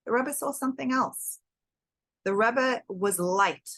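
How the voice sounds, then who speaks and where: A woman's voice: fairly high pitch, takes it slowly, a bit bright, no echo. A woman giving a spiritual class, earnest and storytelling, often repeating words for emphasis. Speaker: Torah teacher. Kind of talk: spiritual class on the Hebrew months.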